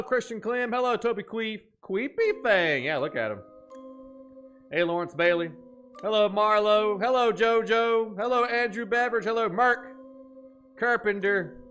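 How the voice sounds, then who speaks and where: A high-pitched man in his thirties runs a live gaming stream full of loud, jokey hype, greeting chat members by name and sometimes slipping into a deep, mock-spooky voice. He talks at a normal speed over soft, faint game music.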